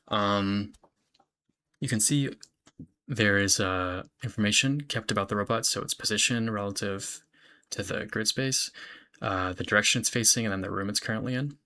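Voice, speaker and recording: Showing off his own software project, a young man talks through the demo in an easygoing, conversational style, dropping fillers and correcting himself along the way. His voice sits on the low side.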